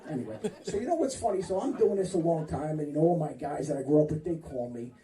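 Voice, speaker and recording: A man's voice: a little high, animated, fast talker, roomy sound. A man in his fifties doing a rambling, profane stand-up routine on a comedy club stage, cutting off hecklers as he goes. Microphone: handheld stage mic. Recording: distant mic, loud crowd laughter.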